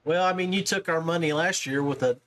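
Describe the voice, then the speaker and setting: A podcast host chats casually with a guest about the guest's fishing hobby, keeping things folksy and informal. His voice is on the high side and fairly bright, and he talks a little fast.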